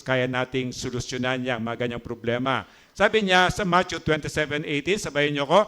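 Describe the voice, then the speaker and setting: Smooth-voiced man preaching a sermon. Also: fairly high pitch, sharp tone. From Philippines. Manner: conversational, teasing asides to the congregation; switches between Tagalog and English. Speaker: pastor. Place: church.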